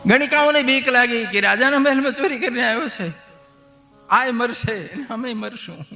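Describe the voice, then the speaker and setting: Gujarati preacher guy telling scripture stories, high voice, bright and gravelly, soft music under it. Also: normal speed. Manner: storytelling with acted dialogue, lively. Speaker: kathakar preacher. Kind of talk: devotional scripture discourse. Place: live katha gathering.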